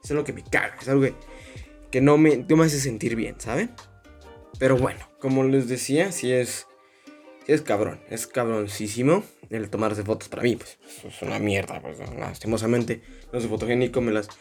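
A man's voice: mid-range voice, moderate pace, darkish tone, soft background music. A young man hosting a podcast as a rambling, self-mocking casual monologue full of crude slang. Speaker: podcast host.

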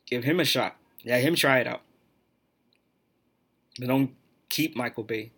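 A man's voice: medium pitch, unhurried, a bit bright, slightly rough. A man hosting his own podcast, talking alone in a blunt, profane, opinionated rant. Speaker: podcast host.

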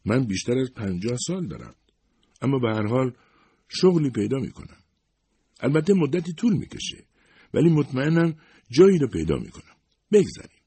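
A man's voice: medium pitch, mellow, breathy edge, no room sound, pitched above the performer's own voice. A man voicing a humble, worried secretary in her fifties who talks hesitantly and apologetically. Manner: hesitant, modest, self-excusing.

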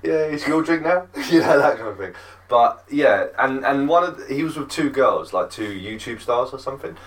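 A man's voice: mid-range voice, animated, normal speed, fairly bright tone, recorded from a distance. A man hosting a podcast, telling a rambling story in casual chat, often groping for names. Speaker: podcast host.

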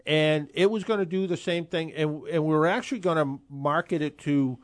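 A radio car show host in his sixties talks casually and chattily, rambling and frequently restarting his sentences. His voice sits a little high for a man and moves at a moderate pace. The recording is dry and close, with no room sound.

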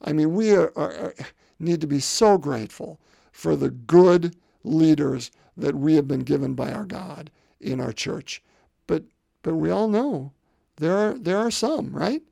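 This is a pastor in his 50s whose fairly high, very gravelly voice still comes across as mellow while he gives a sermon. He keeps it conversational, often repeating himself and asking the congregation rhetorical questions. Miked closely, the audio is dry with no echo.

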